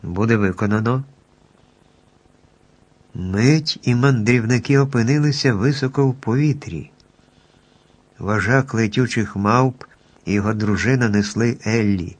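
A man calmly narrating a children's storybook at an even pace. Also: medium pitch, moderate pace.

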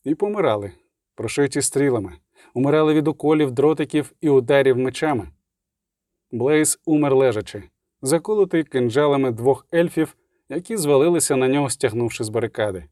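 A man reading an audiobook with steady, even storytelling. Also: mid-range voice, a little fast, dry recording, clean studio sound. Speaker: audiobook narrator. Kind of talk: audiobook narration.

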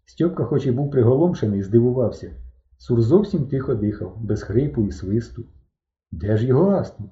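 A man narrating an audiobook in a lively storytelling manner. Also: medium pitch, brisk. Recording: dull, roomy recording.

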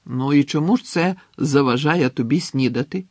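Man reading aloud as a confused teen boy asking what's going on, slightly raised voice, husky, dry. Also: on the high side, moderate pace, darkish tone, no room sound. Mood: baffled. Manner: baffled, questioning. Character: puzzled teenage boy, sensible friend.

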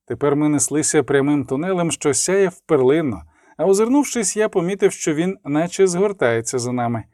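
Male audiobook narrator, dramatic reading, mellow tone, dry close sound. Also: on the high side, moderate pace, no echo. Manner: reads with lively dramatic emphasis, voicing the dialogue lines. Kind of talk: scripted narration.

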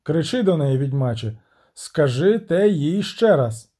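A man's voice: on the high side, very animated, measured pace, warm tone, husky, heavily acted. A man doing a hot-tempered lovesick prince. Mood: demanding. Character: proud stubborn male prince in love.

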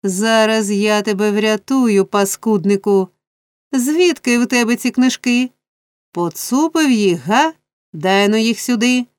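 Gruff, bullying street thug, as a woman reader puts him on; slow, barking speech, dry sound. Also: fairly high pitch, no room sound. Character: rough, brutish man, bullying.

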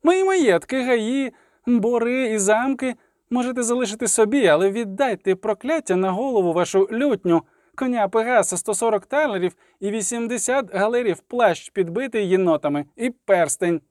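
A man doing a whiny, high-pitched vain troubadour. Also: big pitch swings, normal speed, a little mellow, no echo, studio quality. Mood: indignant. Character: vain, pleading male troubadour, young adult.

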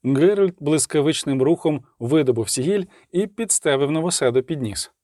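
Man narrating with a bright, dry sound. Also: a little high, animated, moderate pace, no room sound. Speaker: audiobook narrator. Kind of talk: scripted narration.

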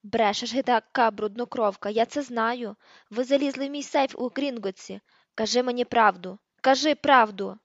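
A woman reading an audiobook, voicing a cruel witch who interrogates a prisoner with slow, menacing shouts. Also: a little high, no echo. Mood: vicious, shouting. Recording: dull lo-fi recording.

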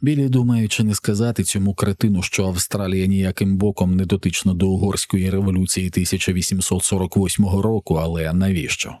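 A man reading a novel as an audiobook narrator, in an even, measured storytelling voice. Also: low-pitched, no room sound, studio quality. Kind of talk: scripted narration.

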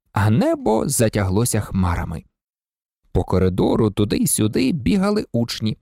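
An audiobook narrator reading a story aloud in an expressive, lively storytelling manner. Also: mid-range voice, gravelly, no echo, studio quality.

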